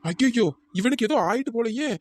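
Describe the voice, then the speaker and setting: A performer doing cartoon sidekick, young man, joking and mocking, mid pitch. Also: animated, brisk, darkish tone, no echo, natural voice. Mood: musing. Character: teasing young male friend of the hero.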